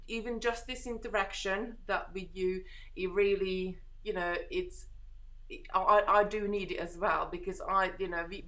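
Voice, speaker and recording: With a lowish, slightly bright voice, a Hungarian-accented woman runs a relaxed beading live chat from home. She works through viewer comments, offering reassuring answers in a rambling style full of fillers and restarts.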